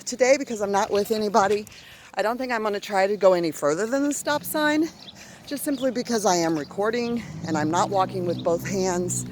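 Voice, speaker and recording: A woman's voice: mid-range voice, slight background noise. A middle-aged woman vlogging outdoors on a neighborhood walk, out of breath, chatty and encouraging herself. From Arizona. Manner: chatty, self-encouraging, breathy pauses between phrases. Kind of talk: casual vlog narration while walking. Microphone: handheld phone camera.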